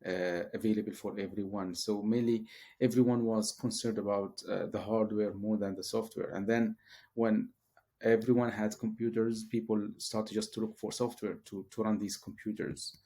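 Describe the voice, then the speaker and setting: Professor type from Syria, deep gravelly tone, slow-to-find-words interview answers. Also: male voice, level tone, dark tone. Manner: hesitant, many fillers and restarts. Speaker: guest, professor.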